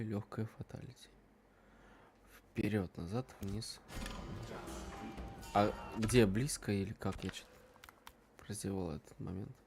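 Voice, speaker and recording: Low-voiced man streaming a game. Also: gravelly. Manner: informal, slangy asides to chat. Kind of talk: casual livestream chat while playing a game. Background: game music.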